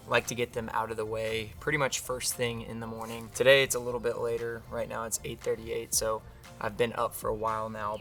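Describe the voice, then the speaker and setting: A man chats to camera in a casual running vlog. His voice sits at a middling pitch with a bright, forceful tone, and he explains things informally over faint music. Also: far from the mic. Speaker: running vlogger.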